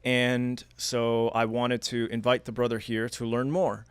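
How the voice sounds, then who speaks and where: Earnest podcast host in a dry studio. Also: male voice, mid-range voice, completely flat delivery, unhurried, clear, resonant tone, no echo. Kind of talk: podcast interview, read-out intro.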